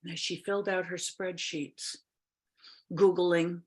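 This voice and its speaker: A woman telling a fairy tale live, expressive and unhurried, lingering on images with drawn-out pauses, heard over a video call. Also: medium pitch. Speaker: storyteller. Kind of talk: live oral storytelling.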